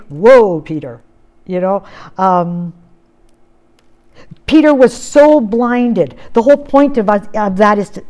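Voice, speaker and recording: Woman preaching an expressive sermon. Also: on the high side. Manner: expressive, acts out quoted lines with rising and falling intensity.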